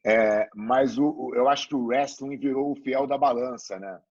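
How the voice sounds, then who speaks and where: Brazilian guy hosting a chat, relaxed and rambly, kinda raspy, flat dry sound. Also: mid-range voice, moderate pace, dry recording, dull audio. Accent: Brazilian Portuguese. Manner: relaxed, chatty, full of fillers. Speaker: interviewer. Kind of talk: casual interview chat.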